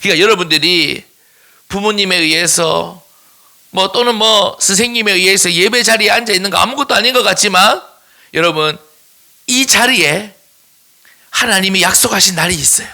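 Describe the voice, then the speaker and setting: A man with a Daegu accent preaching a sermon to teenagers as a youth pastor, animated and teasing, and pausing to tell them what to write down. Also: high-pitched, vocal fry. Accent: Daegu Korean. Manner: animated and teasing, jokes with the young listeners; gives note-taking instructions in a classroom way.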